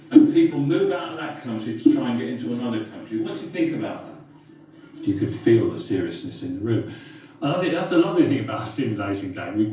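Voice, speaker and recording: A man teaching a class and leading a simulation game, talking in a brisk, directive way, recorded from a distance in a classroom. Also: mid-range voice, warm tone. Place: school classroom. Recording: echoey room, mic far off.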